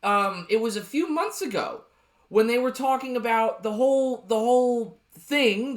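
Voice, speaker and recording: Vlogger ranting to camera, profane, indignant, animated pitch, stumbling restarts. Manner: repeats words and restarts when worked up.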